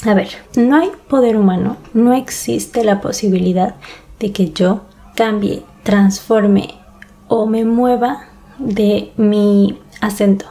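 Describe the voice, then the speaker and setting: Mexico City woman, mellow voice. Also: mid-range voice, steady tone, slow pace. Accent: Mexico City Spanish. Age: 30s. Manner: candid, conversational, talks to listener directly. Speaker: podcast host. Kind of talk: casual monologue podcast.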